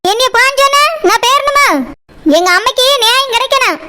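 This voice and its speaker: Saroja, a shrill angry young wife, voiced by a woman. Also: fairly quick. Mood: indignant. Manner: heated, protesting. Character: angry young married woman defending her mother. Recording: loud background noise.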